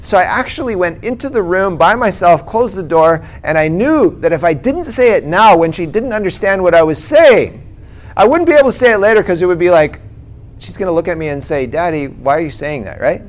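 A chatty man shares his personal testimony conversationally, constantly checking in with "right?" and "okay?" His voice is high, sing-song and brisk.

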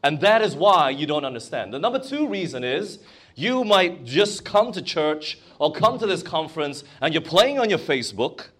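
A man's voice: on the high side, sing-song, moderate pace, fairly bright tone, breathy edge. A man preaching a sermon in a church or conference hall, asking the congregation questions as he goes.

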